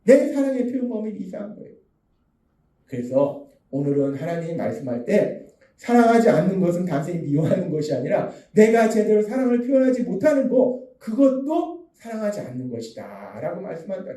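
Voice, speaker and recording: A man's voice: high voice, sing-song, fairly quick, mellow, reverberant, distant mic. A man preaching a sermon as pastor, asking earnest rhetorical questions. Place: church sanctuary.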